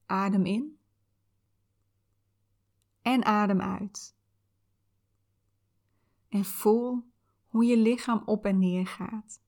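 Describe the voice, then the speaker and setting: A woman podcast host leading a guided visualisation in a soft, soothing, unhurried meditation voice. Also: medium pitch, fairly even intonation. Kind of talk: guided visualisation, spoken coaching.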